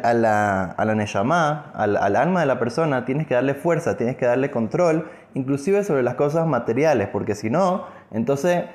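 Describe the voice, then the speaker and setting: A man's voice: medium pitch, darkish tone. A man giving a conversational religious lesson, asking and answering his own questions as he explains a parable. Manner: conversational, many fillers and restarts, asks and answers own questions. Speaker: religious teacher.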